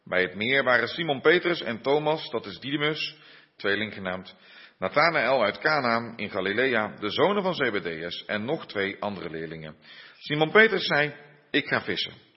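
A man preaches a sermon, pausing and hesitating as he goes, then reads a Bible passage aloud. His voice is a little husky. He sounds dull and muffled, with a long reverberant tail from the church hall. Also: medium pitch, big pitch swings. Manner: unhurried, with frequent hesitations and fillers. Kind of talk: sermon with scripture reading.

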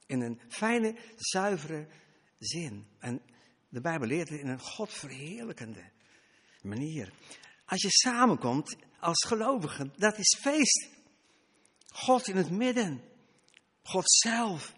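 Man, preacher, sermon, high voice, unhurried, emphatic. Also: very animated, a bit bright, husky, long reverb tail. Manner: emphatic, rising and falling for emphasis.

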